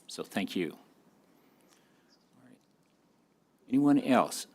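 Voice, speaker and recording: A man chairing a city planning meeting, measured and courteous as he thanks speakers. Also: fairly low pitch, sing-song. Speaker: commission chair.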